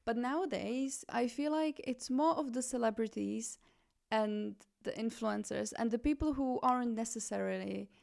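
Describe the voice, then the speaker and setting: Gravelly-voiced Czech woman podcasting. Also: a little high, normal speed. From Czech Republic. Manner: chatty, animated storytelling with self-corrections. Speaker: podcast host, fashion journalist. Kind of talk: casual podcast monologue.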